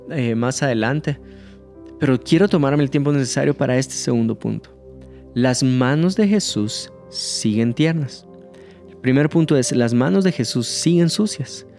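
A man preaching a sermon, earnest and slowing down to stress key phrases, with light jokes. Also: mid-range voice, darkish tone.

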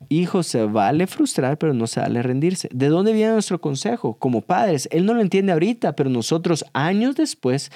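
A man, co-hosting a casual faith chat and telling a story about his son in a lively way. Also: sits high, no room sound, clean studio sound. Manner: animated storyteller, acts out quotes. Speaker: co-host, father. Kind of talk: casual chat with devotional reflection.

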